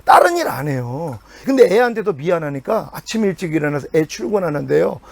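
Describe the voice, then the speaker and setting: A middle-aged male pastor preaching a sermon in an animated way, jumping up in pitch and then dropping to quiet asides. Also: fairly quick, creaky, no room sound.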